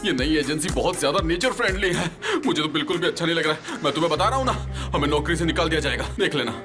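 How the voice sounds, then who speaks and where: A man's voice: on the high side, animated, rapid-fire, natural voice. An actor dubbing a panicky young man who frets over his job, talking in a frantic, rambling way, with music behind him. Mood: flustered. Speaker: anxious office worker. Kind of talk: Hindi dub of a TV drama.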